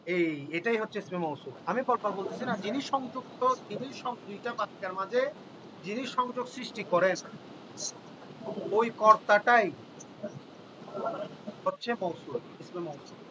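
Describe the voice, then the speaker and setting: A male teacher giving an online grammar class, patiently repeating definitions slowly for students to write down. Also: high-pitched, expressive, background noise.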